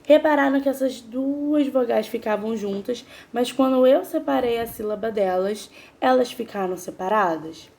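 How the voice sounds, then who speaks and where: A fairly high, gravelly voice with a darkish tone belongs to a woman giving a grammar lesson. She takes her time with each syllable and asks her students questions.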